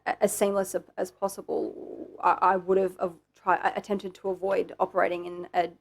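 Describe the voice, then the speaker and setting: Woman, Australian accent, witness testimony, hesitant, gravelly. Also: fairly low pitch, level tone, normal speed. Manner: hesitant, repeats words, careful. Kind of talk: formal testimony.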